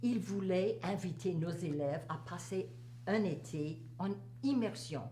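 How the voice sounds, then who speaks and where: A woman's voice: lowish voice, unhurried, dark tone. Older woman with Cajun French accent, echoey room. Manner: repeats phrases for emphasis, mixes in English words. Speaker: interviewee, teacher recalling a career. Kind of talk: casual reminiscing conversation. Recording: echoey room, faint hum and noise.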